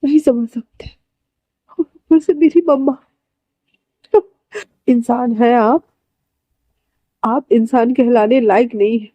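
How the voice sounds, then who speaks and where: A woman voicing a bitter, furious young man who was wronged, shouting accusations in a storybook reading. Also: on the high side, fairly even intonation, slow pace, long pauses, no room sound, dull audio. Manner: shouting accusations, stammering in shock.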